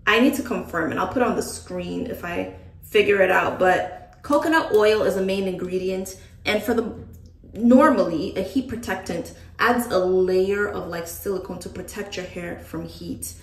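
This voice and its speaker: A woman chatting to camera as a hair vlogger, thinking out loud with joking asides. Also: medium pitch, moderate pace. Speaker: beauty vlogger. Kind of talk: casual chat to camera. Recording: echoey room from a distant mic.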